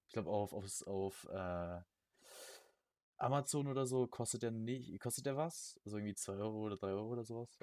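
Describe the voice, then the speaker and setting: A young man co-hosts a casual podcast chat, slangy and jokey, repeating words and phrases in quick bursts. His voice is lowish and a little mellow.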